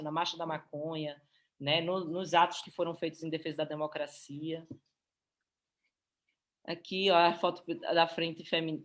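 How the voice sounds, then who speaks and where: A Brazilian woman presenting a publication on a live stream, speaking in a heartfelt, emotional way. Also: sits low. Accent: Brazilian Portuguese.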